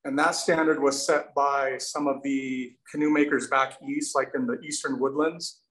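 A man in his forties, a canoe maker, answers audience questions over a webcam video call from an indoor studio with windows, sounding earnest and thankful and restarting now and then. His mid-range voice is steady and a bit bright, at a moderate pace. The casual Q&A audio is roomy and echoey.

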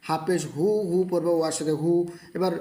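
This man teaches Quran reading, patiently spelling out every letter and vowel before chanting the words melodically. His voice is fairly high and warm, with a flat delivery and a fairly quick pace.

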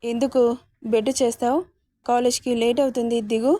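A woman voicing a patient young man in a romance story, coaxing gently. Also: on the high side, flat delivery, fairly quick, no echo, clean studio sound, lightly acted.

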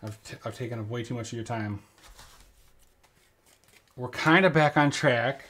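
A man's voice: medium pitch, moderate pace, fairly bright tone. A father in his thirties chatting casually and joking with his son while opening trading card packs at home. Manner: playful, jokey, silly sing-song bits. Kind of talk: casual family unboxing chat.

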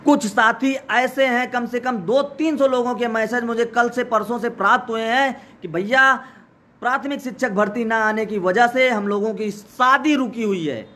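A man speaking live as a protest organizer, urgently urging listeners to join, his voice hoarse from days of shouting. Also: very high-pitched, moderate pace. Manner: urgent, exhorting, repetitive. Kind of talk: live rallying speech. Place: outdoor protest site.

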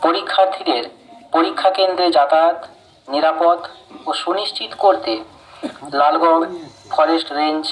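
A man with a fairly high voice reads a public notice. He takes it slowly and formally, in short, deliberate phrases. A faint hiss sits under his voice. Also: fairly even intonation, rough recording. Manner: slow, measured official reading in short phrases. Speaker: forest office announcer. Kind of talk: formal public service announcement.

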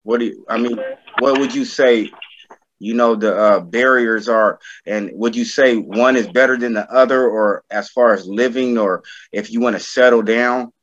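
A man hosting a video call discussion, asking questions haltingly with many restarts. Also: mid-range voice, steady tone, fairly bright tone. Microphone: laptop webcam on video call. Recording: slightly dull, lo-fi sound.

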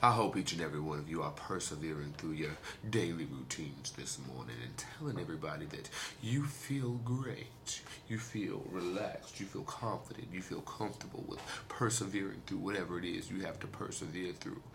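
Guy doing a deep smooth radio fill-in dude, low and hushed, kinda crooning. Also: moderate pace, noisy background.

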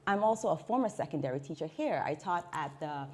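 A woman's voice: low-pitched, fast talker, slight background noise. A woman in her forties, an education researcher, speaking animatedly as a guest in a television studio interview. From Bahamas. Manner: animated, gestures while talking, acts out quoted voices. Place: small indoor TV studio.

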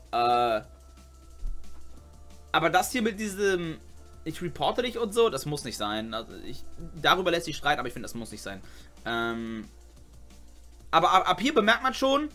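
A man's voice: a little high, fairly bright tone. A young man giving casual, slangy commentary on game chat logs as a gaming YouTuber, exclaiming often.

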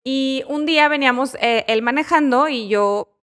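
A middle-aged woman, chatting casually as a podcast host and telling stories loudly. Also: high-pitched, moderate pace. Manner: loud, animated storyteller. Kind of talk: casual chat.

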